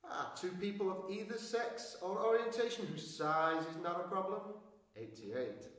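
Brash, weary bingo caller, played by a man, high-pitched, comic club patter, very echoey hall. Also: a bit bright. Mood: deadpan calling. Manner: bingo caller's patter, drawn-out calls with pauses before numbers. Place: small stage with curtains, indoors. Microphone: handheld microphone, recorded from a distant camera. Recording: very echoey hall, distant, faint noise.

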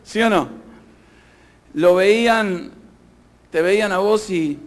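A man's voice: sits high, slow. A man preaching a sermon, emphatic and constantly asking the congregation questions. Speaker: pastor.

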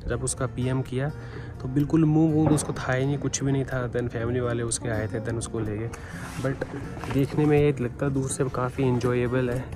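Chatty young man vlogging outdoors. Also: medium pitch. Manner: chatty, addresses viewers as bhai. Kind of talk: casual travel vlog. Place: open hillside outdoors. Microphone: phone camera at arm's length.

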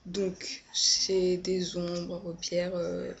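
A woman's voice: fairly low pitch, monotone, very slow. Hesitant young woman reviewing makeup. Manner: hesitant, many fillers and self-corrections. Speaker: beauty vlogger. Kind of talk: casual product review. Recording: dull lo-fi home webcam audio.

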